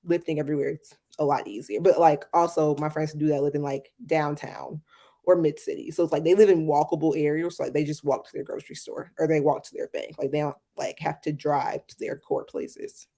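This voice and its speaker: A woman's voice: sits low, steady tone, a little fast, dark tone. A woman co-hosting a show review podcast, chatting casually and filling her talk with "like" and "um". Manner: chatty, many fillers like "like" and "um". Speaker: podcast co-host. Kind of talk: casual chat.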